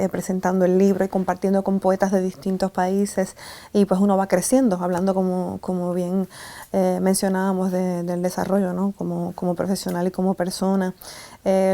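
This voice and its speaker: A Puerto Rican woman, a writer, talks about her books at an even pace, pausing often with fillers. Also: mid-range voice. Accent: Puerto Rican Spanish. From Puerto Rico. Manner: measured, with many hesitant fillers. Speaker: writer and poet. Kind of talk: conversational interview answer.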